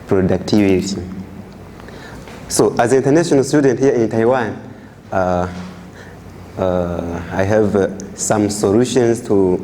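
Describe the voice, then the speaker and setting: Low, mellow Burundian man presenting haltingly. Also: a little hiss or hum. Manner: halting, searching for words. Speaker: international student presenter. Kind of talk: classroom presentation.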